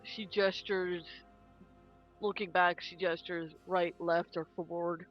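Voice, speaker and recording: A tabletop game player casually narrating a character's moves in the third person, with deliberate, hesitant phrasing. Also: medium pitch, level tone. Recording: dull audio, music underneath.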